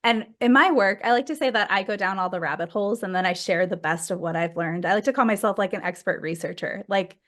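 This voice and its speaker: A woman's voice: medium pitch, quick pace, few pauses, fairly bright tone. A woman in her thirties, a coach and podcast guest, chatting casually with frequent laughs and lots of "like". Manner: bubbly, laughs often, lots of "like". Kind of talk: casual conversational interview.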